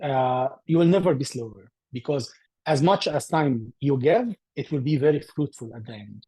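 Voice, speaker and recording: A man's voice: medium pitch, expressive, moderate pace, dark tone, breathy edge. A man from Egypt, a guest presenter on a video call, explaining his approach to teaching deafblind children in careful, phrasing. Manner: earnest, explanatory, careful non-native phrasing. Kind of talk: online group discussion.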